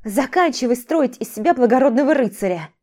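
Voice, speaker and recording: A woman playing an enraged young ex-wife, high and loud, indignant shouts, audiobook scene, mellow tone. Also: expressive, fairly quick. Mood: defiant. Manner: shouting, indignant, sharp retorts.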